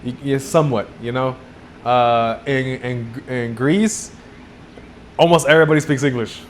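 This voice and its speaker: A man's voice: mid-range voice, a little slow, slight background noise. Laughing young man with a Texan accent. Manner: rambling, laughs often, acts out quotes. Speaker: podcast co-host back from a trip. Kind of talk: casual chat.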